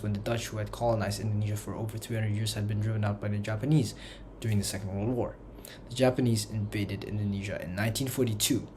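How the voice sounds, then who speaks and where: A student narrator reads a scripted history narration for a personal school project, using careful textbook phrasing. His voice is lowish with a darkish tone, and there's a little hiss or hum.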